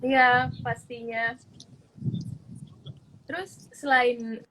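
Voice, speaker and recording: A young woman in her twenties hosts a relaxed live-stream chat, eager and upbeat as she asks her questions. She talks over a video call with a faint hiss of noise underneath. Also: a little high, drawn-out words. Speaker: host. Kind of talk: casual live-stream interview.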